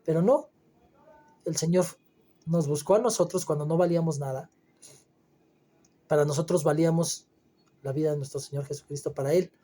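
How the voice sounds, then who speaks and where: Male preacher, husky mellow voice, emphatic and conversational, lots of fillers. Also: fairly high pitch, normal speed, long pauses. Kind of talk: Bible reading and commentary sermon.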